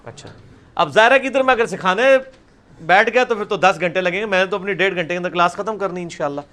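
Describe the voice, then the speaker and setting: Religious teacher, man, fairly high voice, repeats letters loudly and firmly. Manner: drills letters by repeating them loudly, mixing Punjabi into Urdu. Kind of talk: live Quranic pronunciation class.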